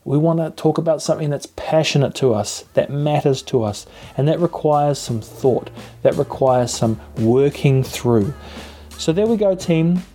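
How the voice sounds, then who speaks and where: Man, podcast host, soft-edged mellow tone, informal encouraging advice, lapel mic. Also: on the high side, expressive, moderate pace, soft background music. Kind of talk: advice podcast, casual monologue to listeners. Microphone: lapel mic plugged into a phone.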